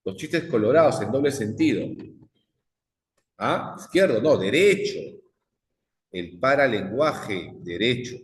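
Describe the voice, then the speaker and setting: Guy teaching psych, keeps quizzing the class, roomy hall echo, mid pitch. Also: expressive, slow pace, pauses often. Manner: quizzes the class with repeated questions. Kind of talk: classroom lecture. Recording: echoey classroom with long reverb.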